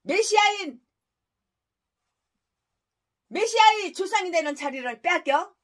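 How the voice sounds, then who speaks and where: A woman's voice: extremely high pitch, lively intonation, takes it slowly. A woman pastor preaching a sermon in a harsh, scolding way, firing off rhetorical questions and crude insults. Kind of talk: expository sermon.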